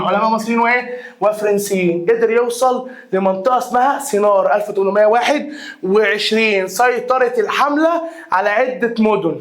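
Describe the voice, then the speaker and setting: High-voiced fast Egyptian teacher. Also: male voice. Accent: Egyptian Arabic. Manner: animated, repeats key words and quizzes listeners. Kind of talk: exam review lesson.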